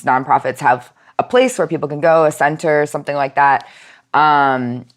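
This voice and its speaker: An American woman with a very deep voice appears as an interview guest. She describes her nonprofit work informally and conversationally, dropping in lots of casual asides.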